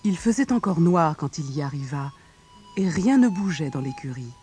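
A narrator reading a children's storybook aloud in a calm, steady way. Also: medium pitch, normal speed. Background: faint music.

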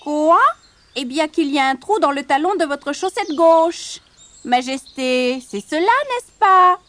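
A woman voicing a small croaking frog that excitedly tells on someone, in a high, repetitive voice. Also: unhurried. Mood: gleeful. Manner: high, excited, repeating itself. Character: small hopping croaking frog, gleeful tattletale.

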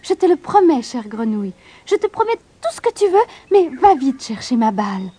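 A woman doing a high, whiny little princess. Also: big pitch swings, moderate pace, warm tone, husky, heavily acted. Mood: impatient. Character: spoiled little princess, tearful and impatient.

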